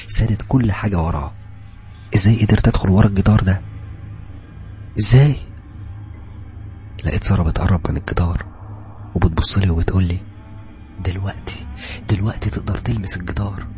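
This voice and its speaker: Hushed Egyptian horror storyteller, rapid. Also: male voice, low voice, faint music behind. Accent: Egyptian Arabic. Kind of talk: first-person horror narration.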